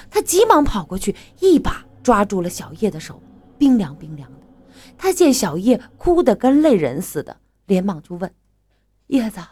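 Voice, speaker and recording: A woman narrating a ghostly story in a dramatic, expressive way. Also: mid-range voice.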